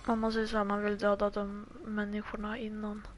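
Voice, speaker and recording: A woman's voice: mid-range voice, monotone, a little hiss or hum. A woman giving casual, playful commentary while playing a game. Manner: slow, playful murmuring with sound effects. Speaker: gameplay streamer. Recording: game music playing behind.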